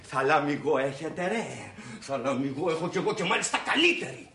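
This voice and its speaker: An actor playing a boastful, excitable husband who rants with swagger about the riches he expects. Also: on the high side, reverberant. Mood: bragging. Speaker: husband scheming to get rich.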